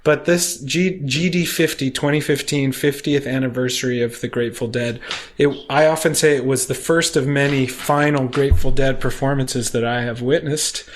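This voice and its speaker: A man's voice: medium pitch, fairly even intonation, moderate pace. A man guesting on a podcast, telling long stories in a rambling way, laughing often and quoting people in voices. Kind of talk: casual storytelling chat.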